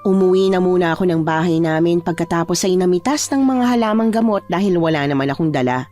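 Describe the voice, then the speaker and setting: A woman narrating a true horror story in first person in a hushed, measured way over faint music. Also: on the low side.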